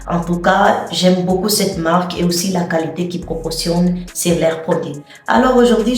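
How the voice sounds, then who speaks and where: A woman from Angola chatting casually to camera as a vlogger, unhurried and chatty, with frequent hesitant fillers. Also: low-pitched. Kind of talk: casual unboxing chat to camera. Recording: echoey room from a distance, soft music.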